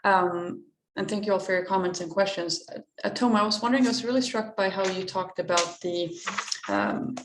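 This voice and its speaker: A woman's voice: medium pitch, normal speed, background noise. A woman asking a panelist a question in an academic discussion over a video call. She sounds polite and apologetic and searches for her phrasing. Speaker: audience questioner.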